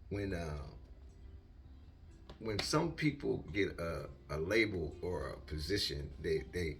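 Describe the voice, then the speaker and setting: A man's voice: low-pitched, slow, vocal fry. An older retired man telling a long casual story in a rambling way, acting out what people said. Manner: rambling, animated, acts out quotes.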